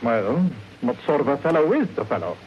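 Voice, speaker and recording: A man's voice: mid-range voice, very animated, brisk, slight background noise, close to an everyday voice. A man acting a querulous, swooping old radio pensioner. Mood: grumbling. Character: grumbling older male pensioner, doubtful husband. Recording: muffled vintage radio recording with music.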